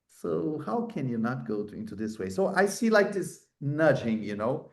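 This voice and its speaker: A native Portuguese-speaking man from Brazil or another developing Portuguese-speaking country appears as a guest expert and author in an interview. He explains his points conversationally at normal speed, very animated in a mid-range voice with a darkish tone.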